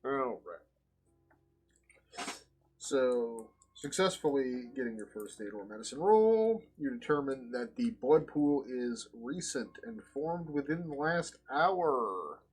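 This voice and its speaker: A man narrating a tabletop horror game as game master, measured and pausing often. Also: mid-range voice, lively intonation, slightly rough, rough recording.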